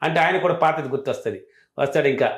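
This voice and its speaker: A man working as a relationship coach, giving animated, emphatic advice and repeating his key points. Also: fairly high pitch, quick pace. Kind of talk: advice talk. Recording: roomy echo.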